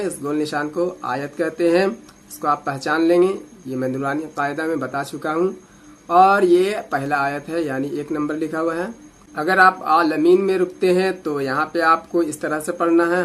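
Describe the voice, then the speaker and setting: हिंदी-उर्दू लहजे वाला एक पुरुष कुरान शिक्षक, जो आयतें धैर्य के साथ एक-एक हिज्जे में तोड़कर धीरे-धीरे पढ़ाता है।. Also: male voice, on the high side, a bit bright. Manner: patient, drawn-out syllable drilling. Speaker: Quran teacher. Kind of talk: slow spelled-out recitation lesson.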